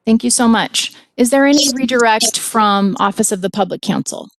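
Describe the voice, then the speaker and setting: A woman's voice: on the high side, normal speed, no room sound. A woman presiding as judge over a formal remote hearing, polite and procedural in her manner. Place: remote hearing by audio and video link.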